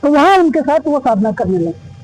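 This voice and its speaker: A man's voice: extremely high pitch, sing-song, a little fast, poor audio. A man telling a religious legend at an ashram in a folksy, repetitive way, slipping into the voices of his characters. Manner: folksy, repetitive, acts out quoted dialogue. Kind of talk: casual oral storytelling. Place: ashram gathering.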